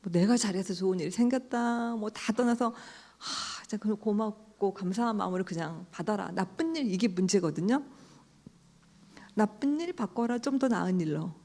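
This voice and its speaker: A middle-aged woman, an author, telling a story to an audience at a book talk, animated, sometimes dropping to a hush. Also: medium pitch, normal speed. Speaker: author speaking at a book concert.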